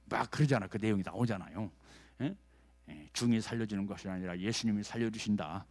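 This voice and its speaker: A man, a pastor preaching a sermon in a folksy manner, checking in with the congregation and swinging from loud urging to hushed lines. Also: fairly low pitch, a little fast.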